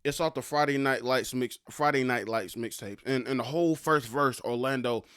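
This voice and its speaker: A man's voice: mid-range voice, moderate pace, a bit bright, clean tone, no room sound, studio quality. A young man hosting a solo podcast, talking loosely in slang and stumbling over repeated words as he goes. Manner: stammering, loose slangy rap-fan talk. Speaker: podcast host. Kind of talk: casual solo podcast monologue.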